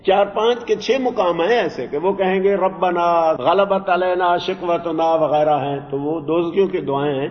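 A man teaching Quranic Arabic grammar, reciting verses slowly and then explaining them in translation. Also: on the high side. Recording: dull lo-fi recording in a reverberant hall.

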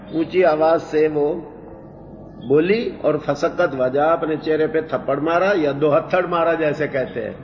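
A man's voice: a little high, a little hiss or hum. Man teaching in an echoey hall. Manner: explains word meanings slowly, repeats phrases. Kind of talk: Quran translation lesson. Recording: dull echoey hall recording.

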